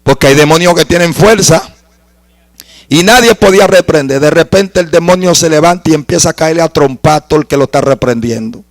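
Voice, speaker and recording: A man preaching a sermon as a pastor, telling a dramatic story and rising to shouted praise. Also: on the high side, a little fast, dry recording, rough recording.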